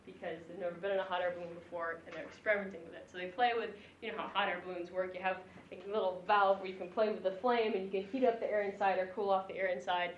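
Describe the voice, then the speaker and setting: A woman physics lecturer teaching a class, animated and joking, chuckling between her points. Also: mid-range voice, quick pace, a little hiss or hum. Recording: echoey, dull lo-fi room recording.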